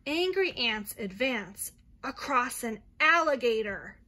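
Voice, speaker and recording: A woman reading a picture book aloud to a child in a gentle, expressive bedtime storytelling manner. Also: on the high side, slow pace, a little hiss or hum. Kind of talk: soothing bedtime read-aloud.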